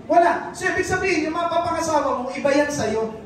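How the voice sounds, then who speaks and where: A preacher with a high voice delivers a sermon in a mix of Tagalog and English, often quizzing the congregation. The voice is caught from a distance in a strongly echoing church hall with faint background noise. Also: animated, fairly quick. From Philippines.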